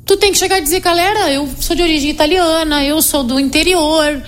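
Middle-aged woman, psychologist explaining her method, kinda high voice, lots of "né?". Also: a little fast, a little hiss or hum. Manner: explanatory, animated, frequent "né?" tag questions. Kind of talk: conversational interview.

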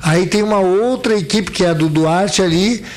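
Brief: man, fairly high voice, organizer guest on a radio show, rambling and restarting. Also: normal speed. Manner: rambling, repeats words, many fillers. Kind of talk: casual radio interview.

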